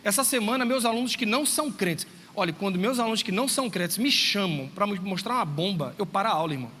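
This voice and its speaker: Man, high-pitched, church talk to parents, long reverb. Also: fast talker. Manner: lively storytelling, acts out dialogue, addresses listeners directly. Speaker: teacher speaking to parents. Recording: long reverb, faint background noise.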